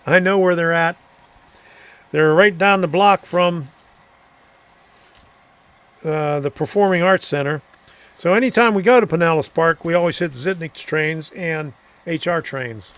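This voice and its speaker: A man's voice: a little high, measured pace, pauses often, fairly bright tone, no room sound. A middle-aged man hosting a live stream, chatting casually and answering viewer comments, rambling and chuckling between thoughts. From Florida.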